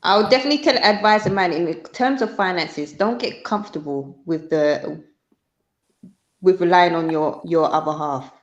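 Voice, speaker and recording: A woman's voice: fairly low pitch, normal speed, roomy sound, highs cut off. A woman in casual discussion, giving advice emphatically and repeating her points. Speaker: panellist giving relationship advice.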